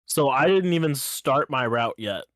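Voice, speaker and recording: A man co-hosting a podcast in casual chat, telling stories in an easygoing, teasing way with halting restarts. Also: medium pitch, lively intonation, a bit bright, no echo, clean studio sound. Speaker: podcast co-host.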